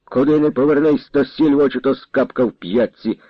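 A man's voice: mid-range voice, fairly quick, dry recording, highs cut off, close to an everyday voice. A man playing a stern, angry ataman. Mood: gruff. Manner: gruff and commanding. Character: stern male ataman, quick to anger.

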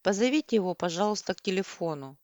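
A woman's voice: mid-range voice, very animated, a little slow, no room sound, clean studio sound. A woman voicing a distraught young woman who is crying and pleading. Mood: pleading tearful.

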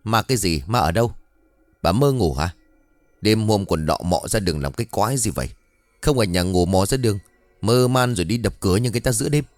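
A big, bad-tempered tattooed man, voiced by a male storyteller, gruff and rapid in a spoken ghost story. The voice sits low with a lively swing. It sounds dry and close, with faint music under it. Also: no echo, lightly acted. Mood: scolding.

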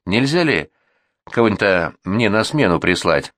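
A man's voice: fairly low pitch, big pitch swings, measured pace, a bit bright, dry recording, studio quality. A man reading an audiobook who voices a whiny, touchy male anarchist gunman. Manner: whining, offended.

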